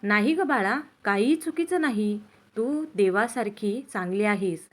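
A woman's voice: medium pitch, expressive, a little slow, lightly acted. A woman voicing a frantic mother who pleads for her sick little daughter. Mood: soothing tender. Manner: pleading, desperate calls.

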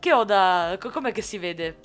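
A woman's voice: mid-range voice, animated, normal speed, faint music behind. A woman from Sicily chatting casually with viewers while streaming a game, answering their comments with jokes. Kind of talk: casual live gameplay chat.

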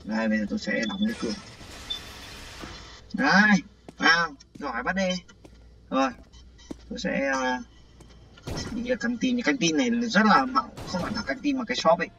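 A man giving excited, panicky commentary on a game livestream, often repeating words when startled. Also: a little high, normal speed, pauses often, recorded from a distance, slight background noise. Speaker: gaming livestreamer. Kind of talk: live gameplay commentary. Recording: dull lo-fi sound with faint game music.

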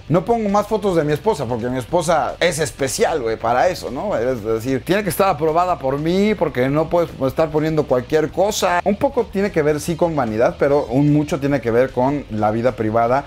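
A man's voice: medium pitch, a little mellow. A man in his thirties with a Mexican accent, candidly explaining things in a casual monologue. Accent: Mexican Spanish. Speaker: comedian and host.

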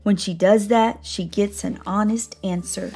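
A woman narrating a children's storybook read-aloud in a lively, animated manner. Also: mid-range voice, a little slow, slightly rough. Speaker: storybook reader.

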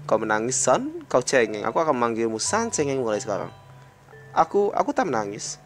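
He talks a little fast, soft music playing in the background. Reading a visual novel aloud with an Indonesian accent, the man handles all the characters in his natural voice, tosses in casual asides, and jumps high in pitch for the excited bits.

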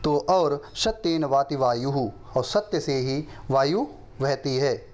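A middle-aged man teaching a lesson, reciting verses slowly in a chant and then explaining them quickly. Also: medium pitch, a little mellow. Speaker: Sanskrit teacher.

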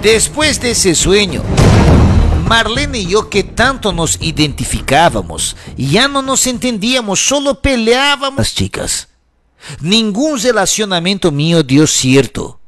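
A man slowly telling a personal story in the first person, halting and conversational. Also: high-pitched, big pitch swings, fairly bright tone. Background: music.

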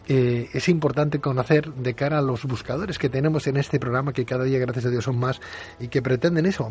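A man with a Spain Spanish accent hosting a late-night radio interview, courteous and measured, with hesitant fillers. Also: a little high, darkish tone, husky. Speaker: radio host.

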